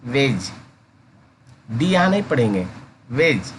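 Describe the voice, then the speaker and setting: A man teaching English pronunciation in Hindi, repeating each word slowly and calling his listeners guys. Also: mid-range voice, big pitch swings, a little hiss or hum. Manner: slow, drawn-out repetition of each word. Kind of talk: pronunciation lesson.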